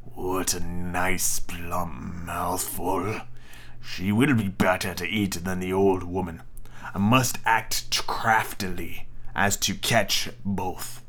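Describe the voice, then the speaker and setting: A man doing a slow, whispering sly wolf. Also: flat delivery, heavily acted. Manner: slow, low, hushed and whispery. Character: sly scheming male wolf, storybook villain.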